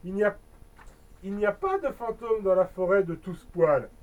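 A woman's voice: mid-range voice, moderate pace, darkish tone, lo-fi sound, close to an everyday voice. Woman doing a timid little storybook boy. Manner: hesitant, fearful. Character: small timid boy, easily frightened. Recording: distant mic.

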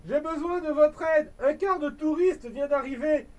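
A man voicing a busy female hen who sells crêpes in a children's story, hurried and anxious. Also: very high voice, far from the mic, pitched above the performer's own voice.

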